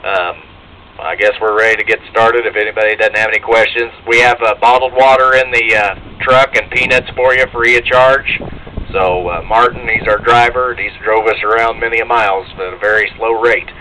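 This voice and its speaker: Bright-voiced man auctioneer. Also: on the low side, steady tone, moderate pace. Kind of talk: live outdoor auction announcing. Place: outdoors at a tree lot, from an auction truck. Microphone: handheld PA microphone, filmed by bystander's camera. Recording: noisy outdoor PA recording.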